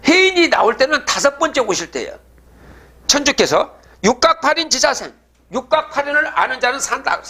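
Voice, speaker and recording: A man lecturing on prophecy in a high, animated voice with a bright, forceful edge. He asks rhetorical questions and then answers them himself, often checking in with his listeners. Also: brisk. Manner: checks in with the audience with "예?".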